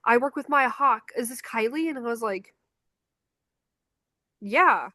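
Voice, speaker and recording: A young Chicago native with the local accent co-hosts a podcast and shoots concerts for a living. Her voice is a little high and her pace measured as she tells stories casually and acts out quotes, in studio quality with no echo.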